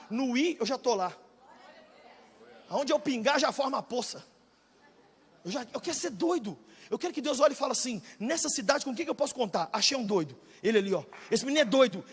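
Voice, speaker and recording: A Brazilian pastor in his forties preaching a sermon, swinging from shouted bursts to low, confiding talk. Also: husky. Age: 40s. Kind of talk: energetic sermon. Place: large church hall, live audience. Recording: reverberant church hall.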